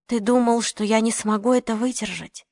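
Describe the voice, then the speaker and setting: A woman's voice: on the high side, fairly even intonation, moderate pace, dry recording, studio quality. A woman reading the part of a young journalist who speaks urgently and firmly. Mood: probing. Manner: urgent, forceful. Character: determined young journalist woman, tense and defiant.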